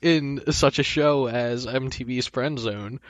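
A man's voice: medium pitch, slow pace, dry recording, highs cut off. Wry man in a dry room. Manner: wry, teasing quips. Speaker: podcast co-host. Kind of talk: casual comedic chat.

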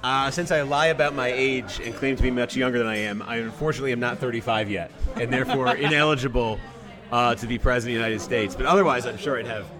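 A man in his thirties hosting a podcast, chatting in a relaxed, rambling way. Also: mid-range voice, fast talker, hardly any pauses, over music. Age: 30s. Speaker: podcast host. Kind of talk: casual chat.

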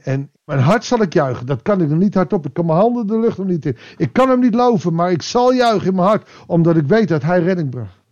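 A man preaching a devotional sermon, reflective and pausing, rising with emphasis and then dropping to a quiet voice. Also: on the high side, lo-fi sound.

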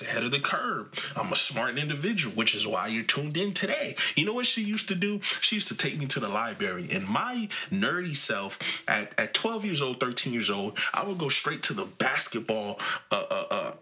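A man in his late twenties hosting a casual sports podcast, animated and talkative, his voice jumping up when he gets excited. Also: medium pitch, slight background noise. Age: 20s. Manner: animated, rises to near shouting when excited. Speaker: podcast host.

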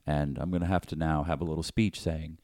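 A man with a very low voice chats loosely, joking and swearing freely as he rambles. The recording is dry and close, with no room sound. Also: steady tone, a little fast, dark tone, no echo. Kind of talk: casual chat.

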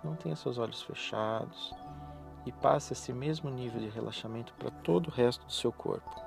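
A man speaks softly at a medium pitch, with noticeable fry in his voice. He guides a hypnotic relaxation in slow, repetitive, soothing phrases, leaving pauses between them. Music plays clearly behind him. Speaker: hypnotherapist guiding a relaxation session. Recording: voice over background music.

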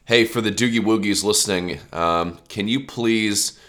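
A man's voice: on the low side, measured pace, a bit bright. A man in his late twenties from the United States, hosting a casual podcast chat and joking around with a lot of swearing. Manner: joking, profane, laughs often. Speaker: podcast host.

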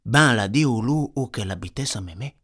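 Man, rambling comic storyteller, animated pitch. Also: quick pace, breathy edge. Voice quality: rambling, digressive peasant chatter.

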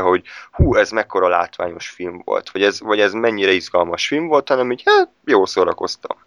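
A man with a low, smooth and resonant voice talks through superhero films in a relaxed chat. He hesitates a lot, repeating words and filling pauses as he thinks. The sound is dry and close. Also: no room sound. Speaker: film reviewer. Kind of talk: casual film review chat.

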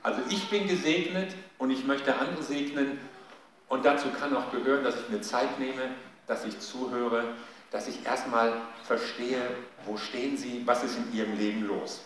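A man giving a sermon, telling a Bible story in a lively way and shouting out the quoted cries. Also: medium pitch, moderate pace, slight background noise. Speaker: preacher. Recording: echoey hall, mic at a distance.

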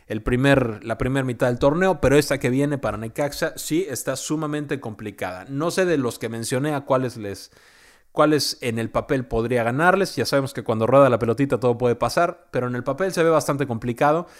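A man with a Mexican accent giving casual football analysis, chatty, often tagging his points with quick questions to the listener. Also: mid-range voice. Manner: conversational, frequent "¿no?" tags and "este" fillers.

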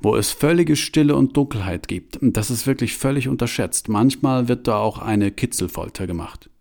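A man's voice: mid-range voice, expressive, moderate pace, vocal fry, a little mellow. A man doing a gleeful torture museum guide. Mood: relishing. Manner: cheerful, lecturing, relishing detail. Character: jovial sadistic male torture museum guide. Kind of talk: audiobook reading.

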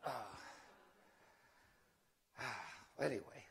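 An older man lectures on religion like a rambling professor, drifting off and circling back with emphatic questions. His voice is husky and swings dramatically up and down. It rings through a large hall with long reverb. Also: mid-range voice, expressive, very slow, a bit bright. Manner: rambling, digressive professor who loses his thread; theatrical, emphatic rhetorical questions. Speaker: lecturing preacher.

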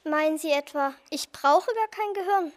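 A woman's voice: high-pitched, moderate pace, natural voice. A woman voicing an unsure male scarecrow in a children's audio story, hesitant and stammering.

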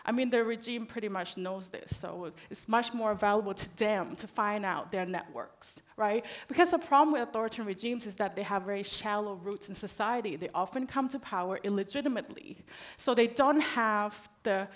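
A woman's voice: medium pitch, moderate pace. A woman from Thailand speaking as a panelist, talking conversationally and often checking in with "right?". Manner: conversational, frequent "right?" tags. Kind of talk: panel discussion talk.

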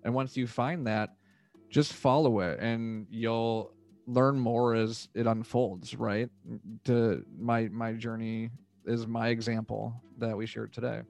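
Male podcast guest, medium pitch, earnest and measured, reflective advice, faint music behind. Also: fairly even intonation, creaky, darkish tone.

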